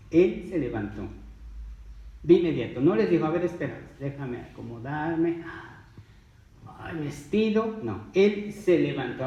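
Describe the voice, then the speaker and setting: A man's voice: a little high, dark tone, echoey room, distant mic, highs cut off. A man preaching a sermon, emphatic and full of rhetorical questions.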